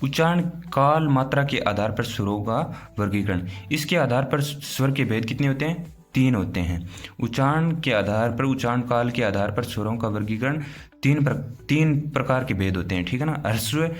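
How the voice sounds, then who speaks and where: A man's voice: medium pitch, animated, moderate pace. A man teaching an exam-prep grammar lesson, explaining step by step and answering his own questions. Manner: explains step by step, often asks "theek hai na?"; asks questions, then answers them himself.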